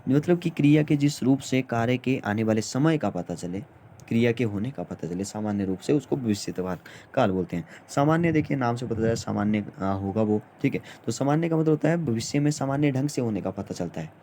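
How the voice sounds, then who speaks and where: A man gives a grammar lesson in a dark, mellow voice, talking informally and circling back over the same phrases. He pauses often on fillers as he explains. Faint noise hums behind him. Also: mid-range voice, lively intonation. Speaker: teacher.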